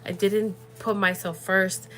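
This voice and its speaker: A young woman hosts a casual livestream over music, speaking slowly and flatly in a mid-range voice. She wanders from point to point with lots of fillers and the odd Spanish word.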